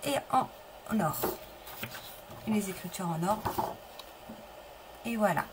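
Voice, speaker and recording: A middle-aged papercraft demonstrator speaks slowly in a mid-range voice on a very noisy live stream. She chats in a relaxed way, breaking off and restarting sentences, and answers viewers while presenting her materials.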